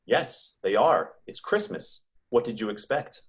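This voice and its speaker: A man playing a solemn Christmas spirit who guides and admonishes gravely in a dramatic table read. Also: mid-range voice, sing-song, measured pace. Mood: patient.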